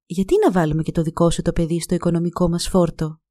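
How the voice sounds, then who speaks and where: A woman's voice: lowish voice, level tone, warm tone, dry recording, clean studio sound, natural voice. A woman voicing a poor neighbor woman who refuses reluctantly in a storybook reading.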